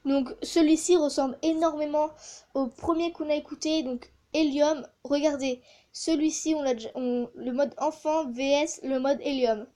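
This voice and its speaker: High-voiced chatty woman. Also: fairly even intonation, moderate pace, dark tone. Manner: chatty, many hesitations. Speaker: gaming YouTuber testing a voice changer app. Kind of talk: casual vlog commentary.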